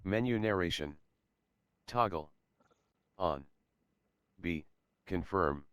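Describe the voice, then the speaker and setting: A male text-to-speech console menu narrator reading prompts in a flat synthetic way, heard with a doubled echo from a second device. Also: sits low, slow, clean tone.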